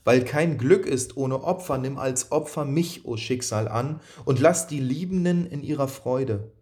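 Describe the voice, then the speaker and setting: A man reading the lines of a grave, resolute male friend who is saying farewell, in a solemn, measured way. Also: mid-range voice, a little mellow, close to an everyday voice. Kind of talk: audiobook reading of quoted speech.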